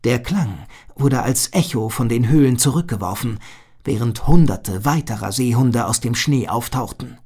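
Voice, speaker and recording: A man reading a children's adventure story aloud as narrator, slowly and expressively. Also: medium pitch, lively intonation, darkish tone, slightly rough.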